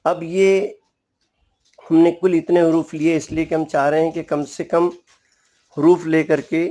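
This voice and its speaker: A man's voice: fairly high pitch, level tone, measured pace, dark tone. A man teaching an alphabet lesson in a formal, courteous way, patiently explaining each letter's name and sound. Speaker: Urdu teacher. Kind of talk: slow spoken language lesson.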